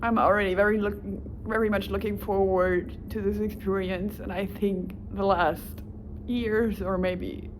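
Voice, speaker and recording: A German-accented woman, German being her first language, introduces herself as a volunteer applicant at a measured pace in a medium-pitched, fairly level voice. She rambles casually, corrects herself, and gives small laughs. The recording is low quality with a slight hiss or hum.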